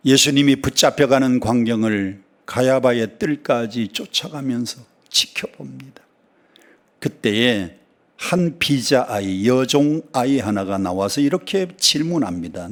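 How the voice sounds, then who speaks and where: A man preaching a sermon in a church, telling stories with sudden high exclamations and dialect jokes. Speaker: pastor. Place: church sanctuary.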